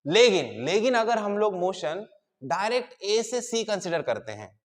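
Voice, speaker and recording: A man's voice: high voice, very animated, a little slow, in a large hall. A man lecturing on engineering mechanics, explaining each step and checking in with his students. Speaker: engineering teacher. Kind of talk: whiteboard lecture.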